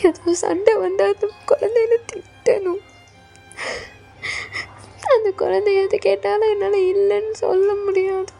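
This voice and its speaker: A desperate young man in a fan audio drama, pleading and insistent, close to tears, as a woman acts him out. The voice sits very high and carries a gravelly fry. Its tone is dark and mellow, with soft music underneath. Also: steady tone, moderate pace. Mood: tearful pleading.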